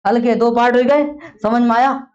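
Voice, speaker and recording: In a dull, lo-fi classroom recording, a woman teacher lectures step by step and keeps drilling her students with repeated questions to check their understanding. Her voice is fairly high, a little mellow and steady, at a normal speed.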